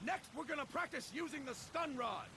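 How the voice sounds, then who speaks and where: High-pitched barking drill sergeant. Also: male voice, fairly quick, creaky, background noise. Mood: brisk, commanding. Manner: drill sergeant style, barking commands, stern. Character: gruff, bossy military drill instructor in a training tutorial. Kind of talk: video game tutorial instruction.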